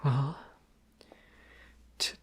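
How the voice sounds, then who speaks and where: In a romantic audio roleplay, a man voices a shy young crown prince, speaking softly and intimately, often close to a whisper. His words are drawn out and the mood is hushed and intimate.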